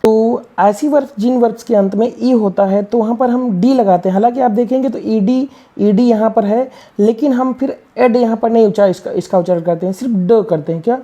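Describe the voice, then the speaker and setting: A woman gives a classroom-style English reading lesson, spelling words out letter by letter and posing questions she then answers herself. Her voice is warm and on the high side, fairly quick with hardly any pauses.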